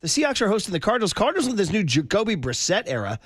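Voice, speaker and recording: A man's voice: sits high, very animated, very fast, breathy edge, dry recording. A man hosting a sports radio show in a studio, chatting casually and joking while rattling off his weekend picks. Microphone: studio mic.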